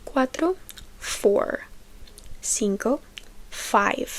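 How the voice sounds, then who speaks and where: A woman giving a slow, gentle, soft-spoken ASMR lesson, explaining patiently and checking in often. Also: fairly high pitch, animated. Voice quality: soft, partly whispered. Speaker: English teacher.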